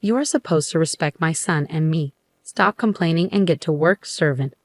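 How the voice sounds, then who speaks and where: A woman's voice: low-pitched, normal speed, no echo. A woman voicing a domineering older mother-in-law who scolds and commands harshly. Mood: scolding.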